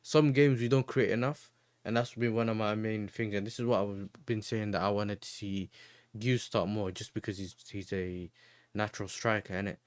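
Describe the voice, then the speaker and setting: A man's voice: on the low side, fairly even intonation, moderate pace, no echo. A young man hosting a casual football chat, full of slang and frequent laughter. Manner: laughs often, slangy banter. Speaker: host.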